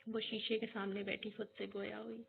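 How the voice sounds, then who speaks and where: A woman narrating a romance novel aloud in a steady storytelling manner. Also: medium pitch, gravelly. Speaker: audiobook narrator. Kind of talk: reading an Urdu novel aloud. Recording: tinny phone-like recording with faint hiss.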